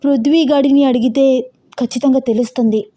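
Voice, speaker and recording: A woman voicing an emotional, fiery young bride who fires off rapid, agitated questions. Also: high-pitched, fairly even intonation, mellow, pitched above the performer's own voice. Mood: upset.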